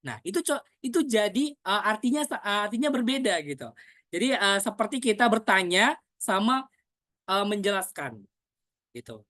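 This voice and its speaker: A woman explains public speaking technique in a relaxed, filler-heavy teaching voice, peppering her phrases with "nah" and "eh". She stops to act out example sentences and to ask questions in the name of "Coach". Her voice sits mid-range and sounds close and dry, with no room echo. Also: medium pitch. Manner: demonstrates example lines aloud; poses questions to herself as "Coach". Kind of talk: spoken training lesson.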